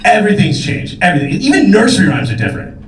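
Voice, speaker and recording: A man's voice: high voice, sing-song, very fast, a bit bright, recorded from a distance, a little hiss or hum. Brash profane stand-up comedian man. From New York State. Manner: brash, profane, self-mocking punchlines. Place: comedy club stage. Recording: roomy club recording, faint crowd.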